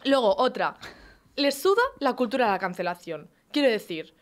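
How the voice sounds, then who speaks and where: Young woman co-host, higher voice, self-mocking storyteller. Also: expressive, moderate pace. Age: 20s. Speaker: podcast co-host. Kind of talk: casual comedic chat. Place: radio studio.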